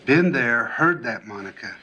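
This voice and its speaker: A man's voice: medium pitch, animated, measured pace, bright, forceful tone, lo-fi sound, a little hiss or hum. A tough male cop doing an interrogation. He sounds blunt, sarcastic and exasperated, pressing hard in TV-drama style. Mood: weary, skeptical.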